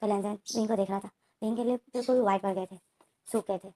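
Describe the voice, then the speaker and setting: Fast, chatty woman retelling a story. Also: mid-range voice, fairly even intonation, mellow. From India. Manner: chatty, retells the plot and voices the characters' lines herself. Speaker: story narrator. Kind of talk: casual retelling of a fan fiction story.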